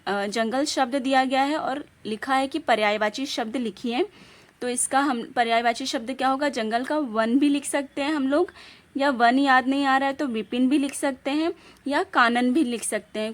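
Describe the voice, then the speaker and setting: A woman teaching a grammar lesson, speaking slowly, repeating words and asking the class questions. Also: high voice. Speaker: Hindi teacher.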